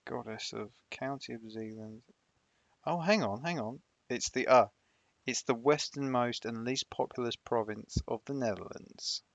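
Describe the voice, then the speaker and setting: The Sunderland-accented host of a geography guessing game stream bantering casually, blunt and joking, recycling the same jokes. His mid-range voice is creaky and a little slow, and the recording is muffled with no echo.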